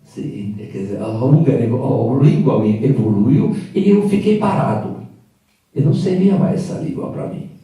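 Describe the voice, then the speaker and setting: Captured by a faraway microphone in a reverberant event hall, this older guest speaker from Hungary, whose first language is Hungarian, shares a personal story. He has a mid-range, expressive voice with a dark tone and speaks reflectively, pausing and using fillers.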